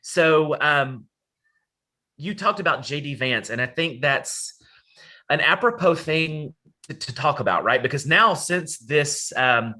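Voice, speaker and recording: A man's voice: fairly high pitch, lively intonation, takes it slowly, bright, forceful tone. A man with a Southern Appalachian accent giving an informal online talk, discursive, mixing folksy and academic phrasing. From Southern Appalachia, United States. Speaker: academic presenter, college dean. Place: at home, on a video call.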